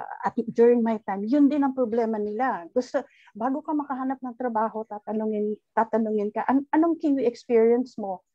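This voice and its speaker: A former teacher from the Philippines, appearing as a guest speaker, answers audience questions in an online forum, moving between Tagalog and English as she thinks aloud. Her voice is fairly high and dark in tone, with no echo and the highs cut off.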